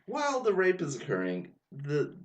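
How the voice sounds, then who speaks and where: A man's voice: a little high, huge pitch swings, normal speed, lo-fi sound. A man co-hosting a podcast in casual chat, adding dry, sarcastic quips. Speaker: podcast co-host.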